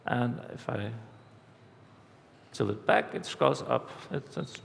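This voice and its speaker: A man giving a conference talk, walking through a live demo step by step in a halting way, recorded in a large hall. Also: mid-range voice, very animated, creaky. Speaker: conference speaker. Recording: reverberant hall, faint background noise.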